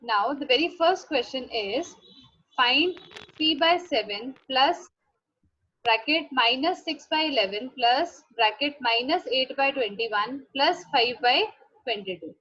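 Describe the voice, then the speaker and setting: A woman's voice: high-pitched, lively intonation, measured pace, pushed and bright, husky. A woman with a North Indian accent teaching maths in an online class, instructive and often checking that students follow. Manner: instructive, frequently checking understanding with questions. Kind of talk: online class lesson, mixing Hindi and English. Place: live online class call. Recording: dull lo-fi online class audio.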